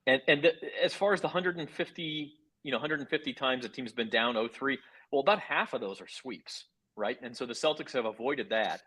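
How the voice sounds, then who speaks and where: A man with a slightly husky, mid-range voice makes his case in a calm, measured way, laying out numbers step by step. He sounds like a casual co-host trading views in a conversation. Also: medium pitch. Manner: reasoned, measured pushback. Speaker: sports betting podcast co-host. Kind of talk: casual sports betting debate.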